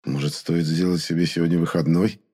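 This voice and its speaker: A man's voice: sits low, steady tone, fairly quick, dark tone, slightly rough. A man narrating a novel in the first person, with a wry, conversational telling. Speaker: audiobook narrator.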